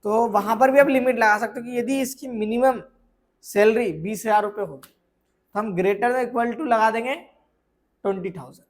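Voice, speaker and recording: A man teaching a software course, explaining with everyday examples and often asking whether students have understood. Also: high voice, measured pace. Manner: keeps checking if students follow; asks rhetorical questions and answers them. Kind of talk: screen tutorial lesson.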